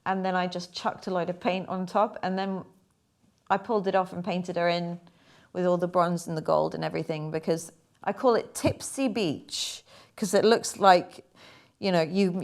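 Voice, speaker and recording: A young woman, chatting casually and a bit haltingly about her paintings. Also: lowish voice, steady tone, darkish tone. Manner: chatty, rambling, hesitant with fillers. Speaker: artist talking through her paintings. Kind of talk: casual chat.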